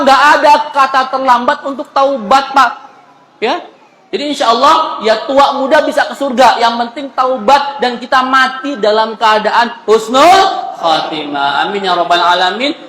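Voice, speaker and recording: A man's voice: extremely high pitch, sharp tone. Man preaching jokily in an echoey hall. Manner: joking, colloquial, keeps addressing the audience. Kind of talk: humorous sermon. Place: mosque hall.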